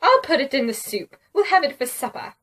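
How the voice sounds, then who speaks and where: A woman voicing a calm, homely mother in a storybook who speaks slowly, pleased and matter-of-fact. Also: sits high, recorded from a distance.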